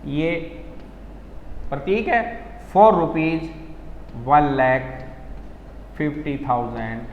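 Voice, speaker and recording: A man teaching an English lesson, explaining slowly and repeating key points for emphasis. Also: on the high side, very animated, echoey room, in a large hall, phone-quality sound, slight background noise. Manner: slow, repetitive explaining with frequent emphasis. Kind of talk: classroom lesson.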